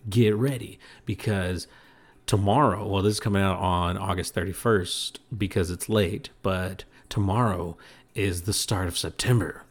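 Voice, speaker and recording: A man with a slightly low voice hosts a solo podcast. He rambles from one thought to the next, mocks himself and laughs at his own jokes. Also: fairly even intonation, measured pace, slightly rough. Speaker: podcast host. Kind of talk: casual solo podcast monologue.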